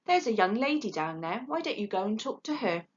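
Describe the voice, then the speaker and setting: A woman's voice: mid-range voice, very animated, fairly quick, highs cut off, voice pushed up, natural voice. A woman voicing a sleepy, motherly female barn owl who speaks soothingly. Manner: soothing, sympathetic.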